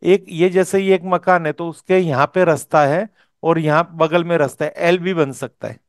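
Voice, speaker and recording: A man's voice: fairly high pitch, fairly even intonation, moderate pace, clean tone, no echo, studio quality. A man teaching a course, explaining step by step and often checking that his student follows. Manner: explanatory, checks understanding with "okay?". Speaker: vastu teacher.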